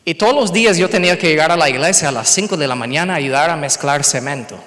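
A man preaching a sermon and telling a lively personal story, slipping words in among his phrases. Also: a little high, quick pace, big-room sound. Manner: animated storytelling, mixing in English words. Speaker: pastor.

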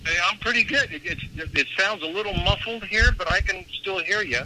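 Man on a distant phone line, very bright. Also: high voice, a little fast, slight background noise. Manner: friendly, upbeat, talkative. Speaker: guest musician promoting an album. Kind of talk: phone-in radio interview.

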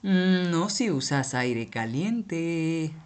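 A woman's voice: deep voice, lively intonation, extremely slow, darkish tone, clear, resonant tone, heavily acted. Woman voicing a patient bodiless guide voice. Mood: explaining. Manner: patient, explaining, occasionally scolding. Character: patient female guiding voice with no body. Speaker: teacher-like guide. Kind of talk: children's educational cartoon acting.

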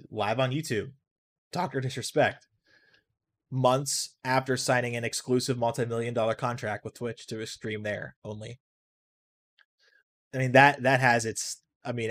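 A man hosts a casual solo podcast at an ordinary middle pitch, talking in a loose, rambling flow with frequent fillers. He reacts out loud to a video game he is playing as he speaks and swears now and then. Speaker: podcast host.

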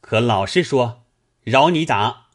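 A man's voice: mid-range voice, animated, slow. A man voicing a lovestruck, hot-tempered young male scholar who speaks in an anguished, demanding way. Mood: distraught.

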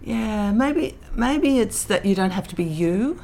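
In a candid interview, a middle-aged woman born in the Netherlands tells stories with a reflective, dry sense of humour. She has a mid-range, darkish voice, sounds animated, and keeps a measured pace.

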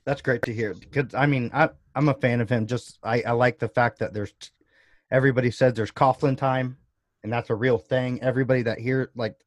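A man's voice: medium pitch, fairly even intonation, fairly quick, dry recording. A man hosting a casual sports podcast, asking loose, rambling questions full of restarts. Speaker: podcast host. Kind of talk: casual interview chat.

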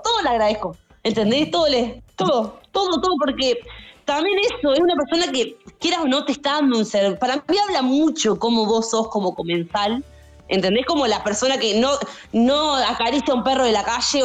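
Young woman doing stand-up style storytelling, chatty and animated, soft music under it. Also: a little fast. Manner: animated, acts out customers in high shouted voices. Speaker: guest storyteller, stand-up comic. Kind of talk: casual podcast chat, comic storytelling.

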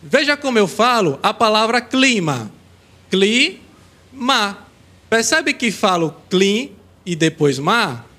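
A man's voice: sits high, very animated, measured pace, pushed and bright, heavily acted. A man voicing a cheerful, helpful young schoolboy in a children's educational audio drama. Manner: cheerful, helpful, explains patiently.

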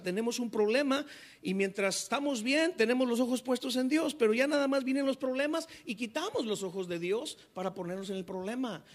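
A male pastor preaching a sermon, acting out quoted dialogue with restarts. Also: extremely high pitch.

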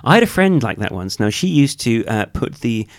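A man's voice: mid-range voice, big pitch swings, fairly quick. Wry man, prim asides. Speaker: podcast host. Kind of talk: casual chat, reading questions.

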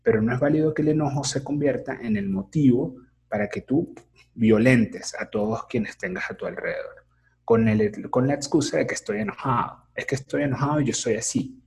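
A man speaks as an interview guest, a teacher training as a therapist. His voice is gravelly with a very husky, breathy grain. He explains things thoughtfully, pausing on fillers and checking in with "ok?". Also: mid-range voice, animated, a little mellow. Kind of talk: casual explanatory conversation.

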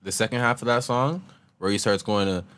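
A man's voice: lowish voice, brisk, fairly bright tone. A man co-hosting a casual roundtable podcast, who speaks with emphasis and repeats his phrases. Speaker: podcast co-host.

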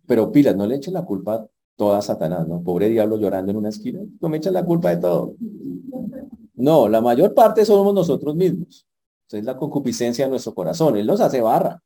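Brief: male preacher, dark and mellow voice with some husk, direct and joking. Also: medium pitch, rough recording. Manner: direct, humorous, quick swings in volume. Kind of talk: sermon.

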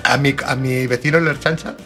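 A man's voice: medium pitch, steady tone, fairly quick, music in the background. A man, co-hosting a podcast in casual, comedic chat, teasing and joking. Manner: joking, teasing, fond of putting on voices. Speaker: podcast co-host.

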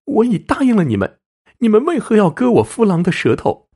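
A man voicing a terrified young woman who pleads in a high, tearful voice in a spoken story. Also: very animated, a little fast, dark tone, slightly rough, heavily acted. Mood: pleading.

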